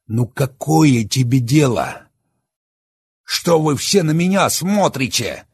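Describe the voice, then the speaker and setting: A man voicing a furious, bitter young man who shouts and sneers. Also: mid-range voice, animated, slow pace, gravelly, breathy edge, dry recording, studio quality, pitched above the performer's own voice, full character voice. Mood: raging. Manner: shouting, raging, bitter sarcasm.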